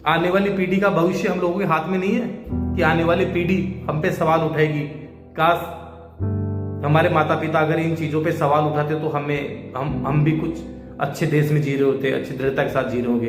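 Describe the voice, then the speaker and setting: A man's voice: on the high side, fairly even intonation, a little fast, over music. A man from India giving an urgent, pleading monologue to camera, full of rhetorical appeals. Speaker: social media creator. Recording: echoey room with long reverb.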